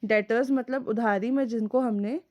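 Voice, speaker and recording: A woman's voice: fairly high pitch, steady tone, moderate pace, lo-fi sound. A woman teacher giving a recorded accounting lecture, explaining step by step and often checking whether her students follow. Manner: mixes English terms into Hindi speech.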